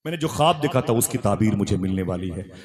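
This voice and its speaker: A man's voice: on the low side, animated, quick pace. Male preacher, acts out the figures of his story, large noisy gathering. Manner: acts out quoted figures, calls the crowd to respond. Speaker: Islamic preacher. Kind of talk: devotional sermon with dramatic storytelling. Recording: loud crowd behind the voice.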